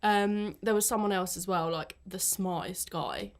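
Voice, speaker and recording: A young woman from Britain, a podcast co-host telling school stories in casual chat with quick, giggly bursts. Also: on the low side. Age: young adult.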